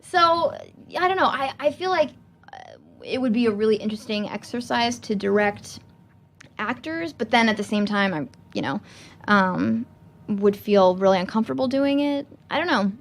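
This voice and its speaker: A woman's voice: a little high, animated, normal speed. A woman chatting as a podcast guest, talking in a hesitant, rambling way with many fillers and frequent laughter. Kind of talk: casual interview chat.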